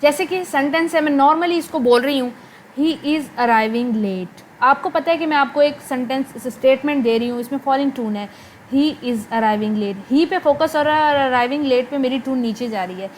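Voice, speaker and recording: A woman gives a recorded lecture. She explains in a mix of Hindi-Urdu and English terms and draws out her example sentences slowly. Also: high-pitched, a little hiss or hum, rough recording. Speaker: English literature teacher.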